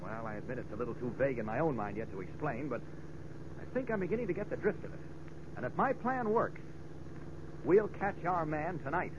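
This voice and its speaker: A man's voice: medium pitch, lively intonation, brisk, close to an everyday voice. An actor with an American accent playing a confident, urgent newspaperman and secret hero in a 1940s radio drama. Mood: grave, determined. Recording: muffled, noisy vintage radio recording.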